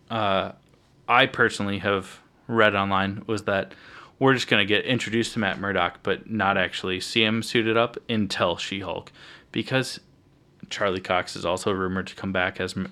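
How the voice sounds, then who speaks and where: A man co-hosting a casual podcast about superhero films, excited and jokey, swearing casually. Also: fairly low pitch, moderate pace. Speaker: podcast co-host.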